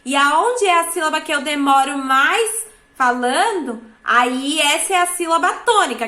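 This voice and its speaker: Bright high-voiced Brazilian woman teacher. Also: reverberant. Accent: Brazilian Portuguese. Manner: patient, checks understanding with frequent tag questions. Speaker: schoolteacher. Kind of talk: classroom instruction. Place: classroom.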